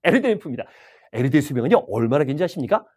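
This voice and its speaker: A man putting on the voice of a pushy subway peddler, booming out a sales pitch full of rhetorical questions to passengers. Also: big pitch swings, very fast, a little mellow, slightly rough. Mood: hawking. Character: loud pushy male subway peddler hawking a gadget.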